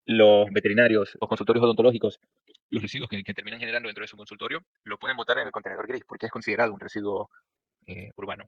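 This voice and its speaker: A man's voice: mid-range voice, a bit bright. A man from Venezuela with a Venezuelan Spanish accent, a startup founder explaining his project casually, full of fillers and tag questions. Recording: dull, dry lo-fi sound.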